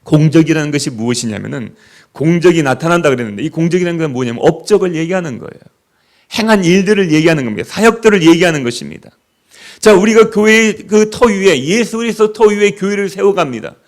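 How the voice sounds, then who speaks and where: A male pastor preaching a Sunday sermon, asking the congregation rhetorical questions and swinging between loud emphasis and quiet asides. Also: on the high side, lively intonation, quick pace.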